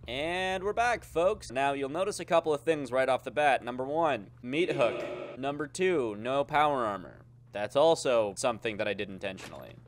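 Male gamer narrating his playthrough, animated and crude, with a faint hiss under the mic. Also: medium pitch, normal speed, hardly any pauses. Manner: jokey, profane, rambling, talks to viewers. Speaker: gameplay commentator. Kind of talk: casual let's-play commentary.

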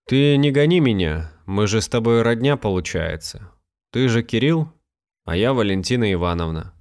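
A man's voice: on the low side, expressive, normal speed, a little mellow, voice pushed up, close to an everyday voice. A man voicing a weary, plain-spoken old village grandmother in a storybook reading, with a raised, rustic, sighing delivery.

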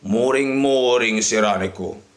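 A man, shouting and muttering over a slot game as he streams it. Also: medium pitch, takes it slowly. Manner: shouting and chanting at the reels, swinging between yelling and mutters. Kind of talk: excited live slot-game commentary.

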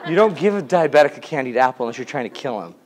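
A man's voice: mid-range voice, expressive, very fast. A man in his forties giving a comedic lecture to a class, jokey and theatrical, often asking the audience questions. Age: 40s. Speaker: relationship class teacher.

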